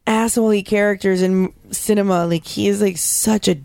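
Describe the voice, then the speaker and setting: A woman's voice: mid-range voice, fairly even intonation, moderate pace, vocal fry, a little mellow. A young woman in casual podcast chat, chatty with many ums and likes.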